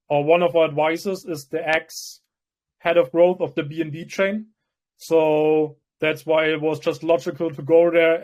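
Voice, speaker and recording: A man from Germany, a crypto project founder, answering interview questions in a measured way with frequent restarts. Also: fairly high pitch, a little mellow. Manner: measured, restarts often, plain explanatory tone.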